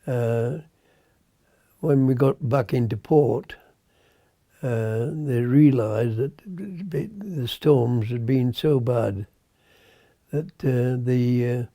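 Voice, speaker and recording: A hundred-year-old British man, a navy veteran, remembering his service in a halting, unscripted way, searching for words and trailing off. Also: medium pitch, dark tone, no room sound. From Britain. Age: 100.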